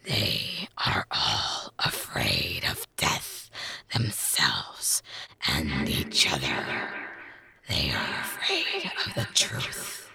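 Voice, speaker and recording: A woman voicing a sinister ancient cursed mask in a slow, menacing whisper. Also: a bass voice, wildly swooping pitch, gravelly, sharp tone, voice pushed down, exaggerated voice. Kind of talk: fan audiobook character voice.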